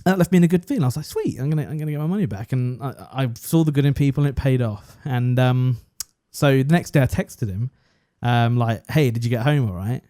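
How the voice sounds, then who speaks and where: A man's voice: medium pitch, brisk, few pauses, warm tone, no echo, clean studio sound. A young English man casually telling a story on a podcast and acting out both sides of the conversation. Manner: chatty, self-deprecating, acts out both sides of a conversation. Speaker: podcast co-host.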